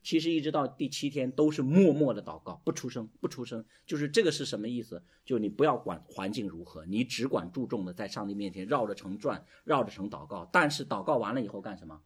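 Husky, animated male preacher. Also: mid-range voice, fast talker, hardly any pauses. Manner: animated, drawing call-and-response from the congregation. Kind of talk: sermon.

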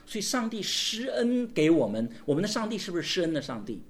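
Animated preaching man, rising and falling. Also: high voice, fast. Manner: call-and-response preaching, frequent rhetorical questions. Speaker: pastor. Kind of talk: sermon.

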